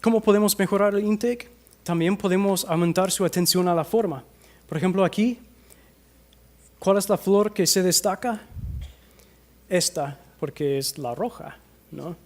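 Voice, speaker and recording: A man with an American accent gives a conference talk on language teaching, speaking into a microphone in a fairly high voice. He hesitates often between phrases and slows down to demonstrate pronunciation for the audience. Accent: American English. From United States. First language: English. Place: conference hall.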